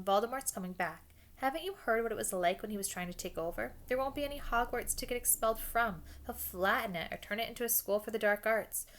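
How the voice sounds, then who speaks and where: A woman's voice: medium pitch, close to an everyday voice. A woman voicing an urgent young schoolboy wizard. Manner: urgent, insistent. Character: determined, frantic schoolboy wizard.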